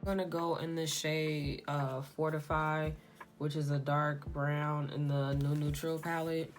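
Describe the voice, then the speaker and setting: A woman talking casually through a makeup tutorial, rambling with lots of fillers in a fairly monotone way. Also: low voice, unhurried. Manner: rambling, filler-heavy, self-described monotone. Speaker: beauty vlogger. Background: background music.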